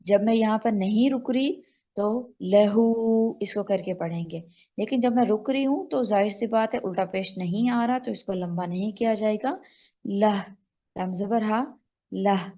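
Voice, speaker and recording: Woman, teacher, online class, patient, step-by-step explaining, slow drawn-out examples. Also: medium pitch, dark tone, muffled recording. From Pakistan. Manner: stretches example words slowly to demonstrate. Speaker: Quran recitation teacher. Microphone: online call.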